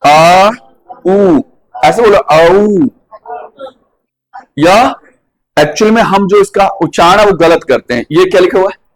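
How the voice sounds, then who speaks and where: A man's voice: sits high, low-quality recording. A man with a Rajasthani Hindi accent teaching a class. He keeps asking students questions and drills their pronunciation.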